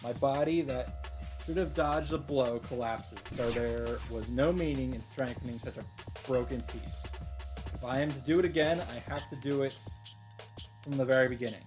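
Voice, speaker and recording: A man with a mid-range voice reads a visual novel's first-person narration aloud at normal speed, earnest and dramatic, adding comments as he goes. Game music plays in the background.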